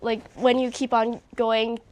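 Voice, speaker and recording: Smooth-voiced young woman, a bit congested. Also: fairly high pitch, flat delivery, measured pace. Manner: earnest, open, frequent "like". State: a little congested. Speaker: recording artist guest. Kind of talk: casual interview chat.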